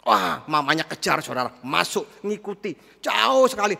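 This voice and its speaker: A man preaching a sermon in a church, animated, firing rhetorical questions at the congregation. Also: high voice, normal speed, gravelly. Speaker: pastor. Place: church sanctuary. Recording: reverberant church hall.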